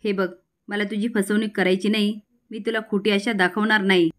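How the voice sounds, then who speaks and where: A woman's voice: mid-range voice, flat delivery, normal speed, a bit bright, natural voice. A torn young man of a family drama, read by a woman narrator. He speaks earnestly, pleading at first and scolding later, a little above the narrating voice. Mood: angry. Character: young man, torn, guilty then angry.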